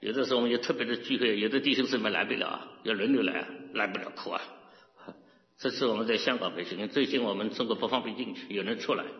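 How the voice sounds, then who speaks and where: A male pastor preaching a sermon, animated, asking the listeners questions and laughing often. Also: on the low side, fast. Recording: echoey hall, dull lo-fi sound.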